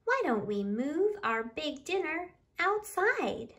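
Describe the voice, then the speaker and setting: Sitting a few feet from the camera in a small living room by a window, a library storytime host in her thirties reads a children's picture book aloud to young listeners. Her high-pitched voice is very animated and a bit bright, and she takes it slowly.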